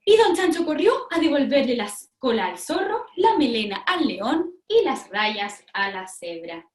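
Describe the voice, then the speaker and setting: A woman pedagogue reading a children's story aloud and pausing to model questions, in an animated, teacherly way. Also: high voice. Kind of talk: interactive storybook reading demonstration. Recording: roomy echo.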